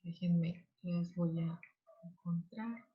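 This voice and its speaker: A woman teaching a class over a video call, her voice a little low and her pace very slow. She stops often with fillers as she explains. The sound is dull and lo-fi. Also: steady tone. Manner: slow, hesitant with many fillers. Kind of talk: online class lecture.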